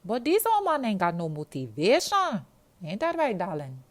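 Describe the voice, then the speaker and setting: A woman's voice: mid-range voice, wildly swooping pitch, moderate pace, pitched above the performer's own voice. A woman voicing a brash young Jamaican woman in a detention centre queue, bossy and streetwise, with a Jamaican accent. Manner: bossy, loud, streetwise, calls everyone darling.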